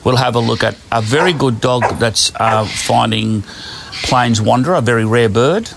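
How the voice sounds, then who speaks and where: A man's voice: mid-range voice, normal speed, gravelly, background noise. A man, a dog trainer explaining his methods in a plain, down-to-earth way while working outdoors. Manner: down-to-earth, storytelling with acted-out quotes.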